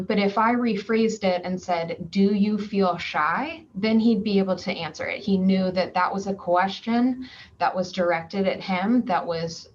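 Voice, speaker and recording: A woman presenting at a virtual conference session, explaining steadily and patiently, with frequent ums and worked examples along the way. Her voice comes through a slightly dull video-call recording, with a faint hiss of noise underneath. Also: medium pitch. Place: home or office, remote virtual session. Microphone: computer mic on a video call.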